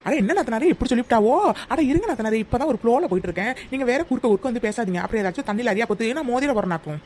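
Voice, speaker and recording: A mischievous young wife, voiced by a woman in a cartoon, talking at a rapid clip. She teases and schemes with giggly glee. A faint hiss of noise sits behind her. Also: a little high, animated, darkish tone, natural voice. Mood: teasing. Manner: teasing, fast, giggly scheming. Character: Chinnaponnu, mischievous young sister-in-law driver. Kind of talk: cartoon voice acting.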